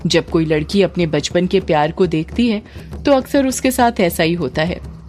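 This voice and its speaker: A woman reading a scripted story in a steady, descriptive way as a storyteller. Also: lowish voice, moderate pace, a little hiss or hum.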